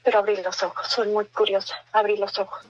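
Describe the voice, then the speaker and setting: A middle-aged woman giving an emotional personal testimony as a guest, halting and earnest, often repeating her words. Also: mid-range voice, flat delivery, muffled recording.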